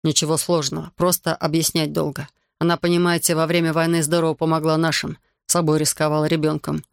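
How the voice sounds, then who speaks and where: A man's voice: fairly high pitch, completely flat delivery, a little fast, gravelly, smooth, no room sound, clean studio sound. A man voicing a proud, hot-tempered officer who argues insistently. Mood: earnest.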